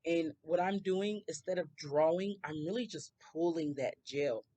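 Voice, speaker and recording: A woman with a hoarse, scratchy voice talks viewers through a nail tutorial in a chatty way, drifting into rambling asides. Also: deep voice, a little slow, mellow. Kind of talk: casual tutorial voice-over.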